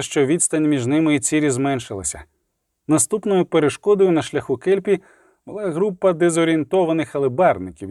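Dry, measured male audiobook narrator. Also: on the high side, warm tone, no room sound. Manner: measured, dramatic. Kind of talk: scripted dramatic narration.

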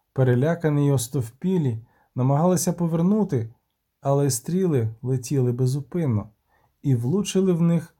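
Man reading an audiobook, dark tone. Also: medium pitch. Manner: steady, rhythmic reading. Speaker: audiobook narrator. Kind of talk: scripted narration.

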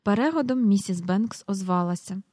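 A woman reading a children's storybook aloud as an audiobook narrator, with an even storytelling delivery. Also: medium pitch, moderate pace, no echo, studio quality. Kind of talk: scripted narration.

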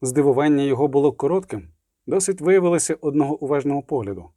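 A male narrator reads a fantasy audiobook with steady, expressive storytelling. His voice is somewhat high yet dark and mellow in tone. The recording is dry with no room sound. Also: fast, no room sound.

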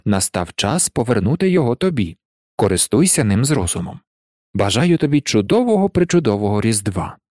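A man voicing a calm lowered voice reading a note. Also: brisk, no echo, clean studio sound. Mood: solemn. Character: calm older male benefactor writing a note.

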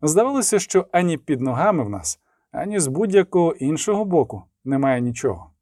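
A man reading an audiobook as narrator, with lively dramatic emphasis and the dialogue lines voiced. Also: fairly high pitch, fairly quick, no echo, clean studio sound. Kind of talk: scripted narration.

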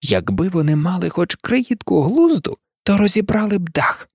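A woman's voice: fairly low pitch, big pitch swings, normal speed, a little mellow, dry recording, clean studio sound, pitched above the performer's own voice. Woman reading a curious young girl musing. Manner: musing, talking to herself. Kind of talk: audiobook character voice.

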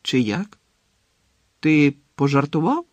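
Man reading aloud as a confused teen boy asking what's going on, slightly raised voice, husky, dry. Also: a little high, sing-song, slow pace, no room sound, muffled recording, exaggerated voice. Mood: baffled. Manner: baffled, questioning. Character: puzzled teenage boy, sensible friend.

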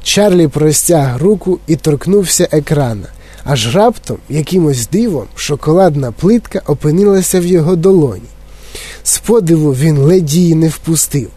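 A man reads a children's story aloud with lively expression. His voice sits on the higher side but has a mellow, soft edge. The recording is close and dry, with no room sound. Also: normal speed, husky, no echo. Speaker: audiobook narrator. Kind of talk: storybook reading.

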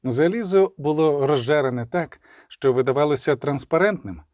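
A man reading an audiobook in a steady, even storytelling manner. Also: on the high side, normal speed, dry recording, studio quality. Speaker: audiobook narrator. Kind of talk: scripted audiobook narration.

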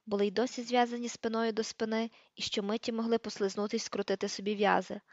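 Woman audiobook narrator, steady reading, slightly high voice. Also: fast, no echo. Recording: dull lo-fi recording.

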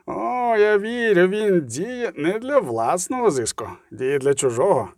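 A man's voice: high-pitched, sing-song, unhurried, a little mellow, dry recording, studio quality, heavily acted. A man voicing a sardonic, scheming male lawyer with a sneering, sarcastic manner, in an audiobook.

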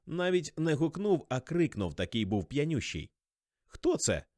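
Lively male audiobook narrator. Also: fairly high pitch, normal speed, dry recording, clean studio sound. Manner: slangy, rambling, tipsy-sounding. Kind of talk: first-person literary narration.

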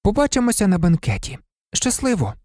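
A man voicing a gloomy, reserved teenage schoolboy in an audiobook, who speaks in a flat, subdued way. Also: sits high, fairly quick, no echo, studio quality, pitched above the performer's own voice.

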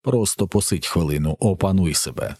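A man voicing a calm, menacing armed man who gives curt, quiet, flat threats. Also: low voice, moderate pace, breathy edge, no room sound, clean studio sound, exaggerated voice.

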